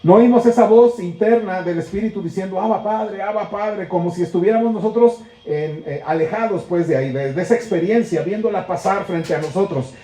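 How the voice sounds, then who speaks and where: A man's voice: sits high, fairly quick, few pauses, mellow. A man with a Mexican accent preaching a sermon in a church, earnest and full of rhetorical questions, acting out heartfelt prayers. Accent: Mexican Spanish. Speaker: pastor. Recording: echoey church room.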